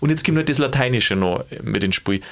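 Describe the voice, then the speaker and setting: Gravelly Bavarian man, lively and playful. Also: mid-range voice, brisk. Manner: musing, playful, laughs easily. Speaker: podcast co-host. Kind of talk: casual chat.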